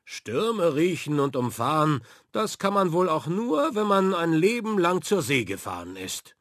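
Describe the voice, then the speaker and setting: Brief: a boisterous sea-captain father in a children's audiobook, voiced by a man, hearty and slow-spoken, with a dry, close sound. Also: on the high side, sing-song, a bit bright, dry recording, pitched above the performer's own voice. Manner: hearty, exclamatory.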